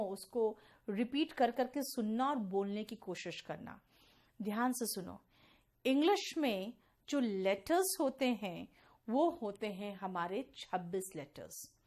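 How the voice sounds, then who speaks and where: A woman with an Indian accent teaching English pronunciation in an online class, addressing students fondly and drilling words slowly. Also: sits high. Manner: addresses students as beta, slow deliberate word drills.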